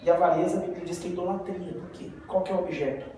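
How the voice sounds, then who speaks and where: Man, Brazilian accent, Bible study teacher, chatty and joking, high voice, far from mic, strong room echo. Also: fairly even intonation, very fast, warm tone. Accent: Brazilian Portuguese. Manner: conversational, tells jokes, asks rhetorical questions. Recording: very echoey room, mic far off, noisy background.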